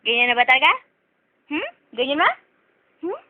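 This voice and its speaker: Woman, pet owner; repetitive, mock-stern baby talk to a cat; high voice; lo-fi home video audio. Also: big pitch swings, normal speed.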